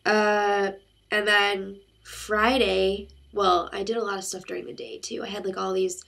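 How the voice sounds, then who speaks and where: A young woman vlogger with a congested, sick-sounding voice rambles chattily to camera, telling stories with plenty of fillers. Her voice is medium-pitched, level, a little slow and a bit bright, with some vocal fry.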